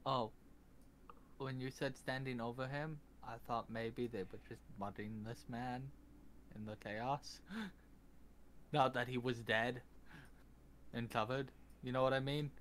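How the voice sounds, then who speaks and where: A man's voice: medium pitch, fairly even intonation, slow pace, pauses often, fairly bright tone, a little hiss or hum. A man playing a tabletop game, joking and playful in casual chat. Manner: playful, jokey. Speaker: player.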